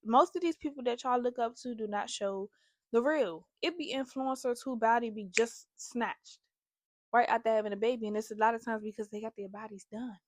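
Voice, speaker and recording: Young woman, vlog host, candid confessional talk, earnest, emotional, a bit high-pitched, dry sound. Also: brisk, no echo. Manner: earnest and emotional, speaks directly to viewers.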